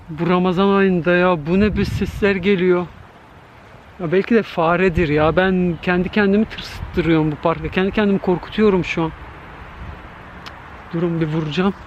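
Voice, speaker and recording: A man's voice: sits high, a little hiss or hum. A man vlogging with a handheld camera in an empty park at night, nervous and talking straight to his viewers. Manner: nervous, talks to viewers directly. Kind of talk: night-time scare vlog to camera.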